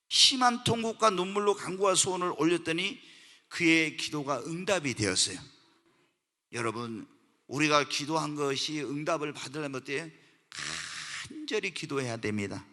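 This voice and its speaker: A pastor preaching a sermon to his congregation. He asks the congregation questions and answers them himself, moving from quiet asides to loud, emotional appeals. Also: fairly high pitch, sing-song, normal speed. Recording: church hall reverb.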